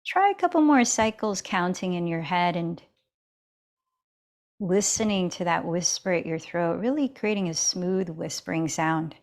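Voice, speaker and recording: A woman guiding a yoga class and breathing practice, talking slowly and softly and counting out breaths. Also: lowish voice, animated. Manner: slow, soft and soothing, counting breaths. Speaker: yoga instructor. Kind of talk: guided yoga and breathing instruction.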